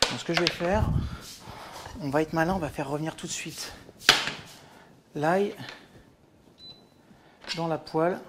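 A man and wellness coach giving a cooking demonstration in a kitchen, talking viewers through each step in a gentle, instructive way and calling them by fond pet names. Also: a little high, heavy background noise. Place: home kitchen at the stove. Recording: food sizzling in the pan behind.

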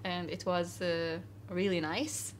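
Speaking slowly with fairly even intonation, a young Syrian woman answers questions in a casual cafe interview indoors. Her voice is lowish, she talks earnestly with many fillers and restarts, and there's slight background noise.

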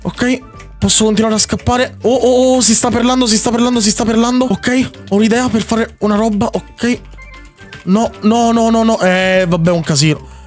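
Young male gamer, high-pitched and excitable, spilling out repeated words; soft music under him. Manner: excitable, rapid repetitions, teasing opponent. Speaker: Minecraft YouTuber. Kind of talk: gameplay commentary.

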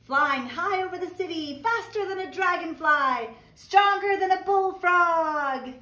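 A woman reading aloud, voicing an excitable young boy frog who exclaims loudly and stretches his words playfully. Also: extremely high pitch, echoey room, pitched above the performer's own voice, full character voice. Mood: excited. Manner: loud, drawn-out, playful exclaiming.

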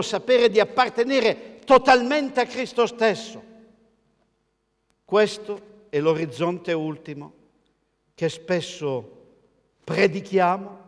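Older male pastor preaching in a reverberant church. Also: on the high side. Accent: Italian. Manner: measured, emphatic preaching with rhetorical questions. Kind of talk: sermon. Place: large church, preaching from a wooden pulpit. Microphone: pulpit mic, filmed by a camera across the church.

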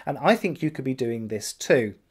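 A man's voice: medium pitch, expressive, normal speed, a little mellow, breathy edge. A man in his forties, a salon business coach, talking to camera and walking through pricing figures step by step in an upbeat, explanatory way. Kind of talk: direct-to-camera business tutorial. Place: indoor room with decorated wall.

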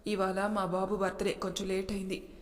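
A woman voicing a patient, gentle young wife and mother who speaks calmly and softly, with a long reverb. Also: mid-range voice, brisk, close to an everyday voice.

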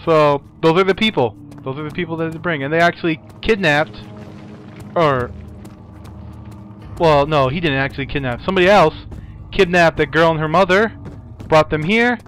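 A man's voice: a little high, normal speed, fairly bright tone, faint music behind. A young man giving casual let's play commentary, rambling and apologetic, yelping when scared.

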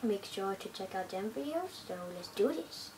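Excitable rambling gamer with a noisy phone mic. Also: female voice, medium pitch, normal speed. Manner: excitable, rambling, sing-song chanting. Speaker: gaming channel host. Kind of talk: casual gameplay commentary. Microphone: phone recording a screen.

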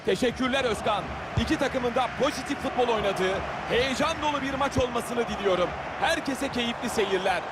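A man's voice: extremely high pitch, moderate pace. A man giving analysis as co-commentator on a video game football match. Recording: loud stadium crowd noise behind voice. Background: roaring stadium crowd.

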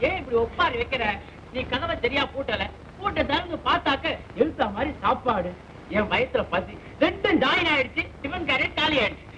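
A man's voice: very high-pitched, lively intonation, a little fast, bright, forceful tone, slight background noise, exaggerated voice. An actor playing a sly, greedy man who mocks and orders others about, in a dull old film recording. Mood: mocking. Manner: mocking, bossy. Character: sly greedy man stealing food, cheeky. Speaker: officer posing as a postman. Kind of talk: 1950s film comedy acting.

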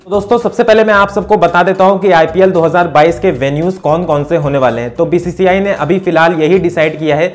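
A young man presenting cricket news to camera in a brisk, steady scripted delivery, recorded on a lapel mic in a small indoor room. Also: a little high, soft background music. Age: young adult.

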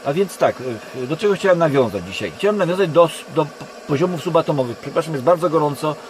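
A Polish man giving a rambling monologue to camera from inside a car, speaking haltingly and often correcting himself. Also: on the high side, low-quality recording. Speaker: online video creator. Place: inside a parked car in a forest. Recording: constant background noise in a car. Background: steady background hum.

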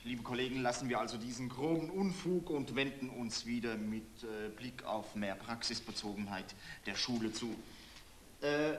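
A man plays an earnest, stilted male academic in a satirical conference. His medium-pitched voice speaks formally over faint room noise. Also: fairly bright tone, natural voice.

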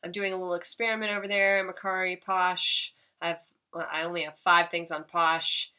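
A woman's voice: on the low side, little pitch movement, moderate pace, sharp tone, smooth, no room sound. A woman with a congested, nasal voice from a cold, chatting casually through her sales recap, rambling and correcting herself. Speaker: eBay reseller vlogger.

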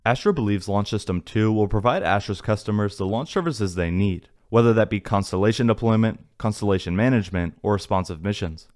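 A man narrating a technical script in an even, read-aloud manner. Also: on the low side. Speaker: narrator of a space news channel. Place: voice-over, not in the pictured places.

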